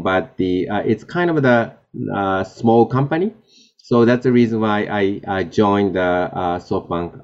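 Japanese-born man, non-native English, halting interview answers, lower voice, dull lo-fi audio. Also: darkish tone. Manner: halting, many fillers and restarts. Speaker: guest, tech executive. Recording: dull lo-fi sound.

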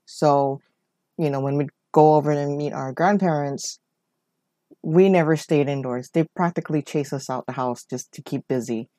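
Speaking at a normal speed with a steady tone, a woman with a deep, mellow voice recounts her life on her podcast. She's in her 40s, from Hawaii, and her rambling, conversational style leans on "you know" and "whatnot"; the recording is dry.

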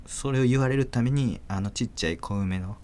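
A man with a Kansai accent, hosting a podcast and telling a story in a casual, animated way, acting out voices and laughing often. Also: mid-range voice, a little fast. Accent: Kansai Japanese. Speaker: podcast host.

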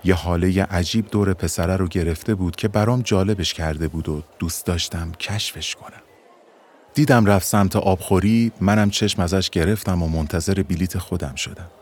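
Young guy narrating his own story, low voice, casual chatty telling. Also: darkish tone. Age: young adult. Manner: colloquial, conversational storytelling. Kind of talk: first-person audio story narration.

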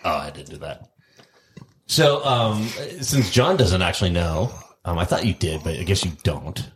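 A man's voice: sits low, moderate pace. A man co-hosting a casual podcast, introducing the episode's picks. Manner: animated, presents the episode's picks. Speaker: podcast co-host. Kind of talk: casual chat. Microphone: lavalier.

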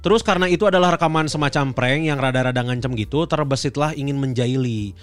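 A man's voice: mid-range voice, fast. A young man with a Sundanese accent, casually reading a listener's story aloud on a podcast, swearing and slipping into local dialect. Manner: swears often, slips into local dialect, laughs through lines.

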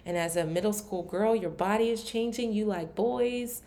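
A woman's voice: mid-range voice, moderate pace, dark tone. A woman from Maryland hosting her own podcast, talking in a candid, reflective way with a lot of "like" fillers and restarts. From Maryland, USA. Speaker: podcast host. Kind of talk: casual solo podcast talk.

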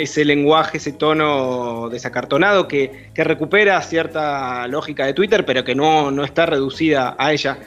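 A man's voice: fairly high pitch, a bit bright, muffled recording. Reflective male interviewer. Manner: reflective, searching for words. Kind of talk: interview questions.

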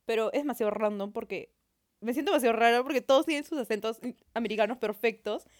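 A young woman co-hosts a laid-back podcast chat. Her fairly high voice stays playful and relaxed, and she giggles easily. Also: fast talker. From Peru. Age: young adult. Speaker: podcast co-host, university freshman. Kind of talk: casual chat.

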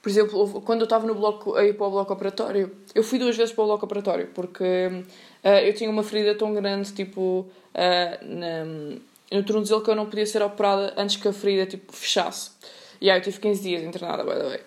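A young woman with a European Portuguese accent hosts her own podcast, telling a personal story in a relaxed monologue. She talks fast and loose, full of slang and asides, and keeps breaking into laughter. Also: mid-range voice. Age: young adult. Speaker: podcast host.

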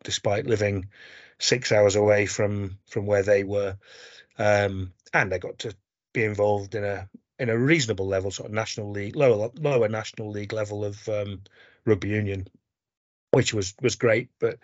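A man's voice: lowish voice, no room sound, muffled recording. A man, chatting as an interview guest in a self-deprecating way, with many ums and restarts. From South Yorkshire, England. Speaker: guest, sports medicine doctor. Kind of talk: casual interview chat.

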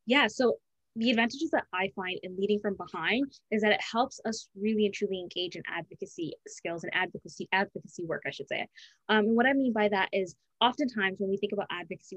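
The audio is poor but echo-free as a medium-pitched woman speaks as an interviewee. Working as a student advisor, she responds quickly and earnestly in a conversational way, frequently stopping to restart or correct what she said.

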